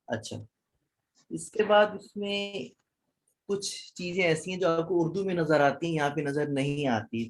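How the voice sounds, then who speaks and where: A man lecturing a class, quizzing students and mixing in English words. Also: mid-range voice. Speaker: Arabic teacher.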